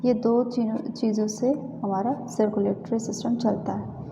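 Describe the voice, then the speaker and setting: A woman's voice: on the high side, steady tone, normal speed, gravelly. A woman teaching anatomy in a casual lesson, walking through diagrams and often checking that listeners follow. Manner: repeats "theek hai" often, checks understanding. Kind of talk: informal lesson explaining diagrams. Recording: roomy, long reverb, dull, faint hiss.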